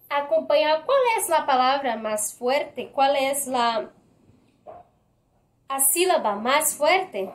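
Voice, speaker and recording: Lady teacher going thru a spanish lesson, high voice, takes it slow, keeps asking "right?". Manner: slow, careful, often checks in with a questioning "right?". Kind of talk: online Spanish grammar lesson.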